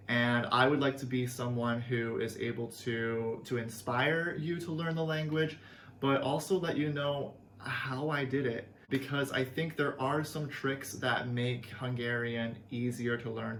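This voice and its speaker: In an echoey room with faint ambience and a little hiss or hum, a young Canadian man gives a casual language lesson on video. His medium-pitched voice is a bit bright, and his explanations are friendly and earnest, dotted with fillers.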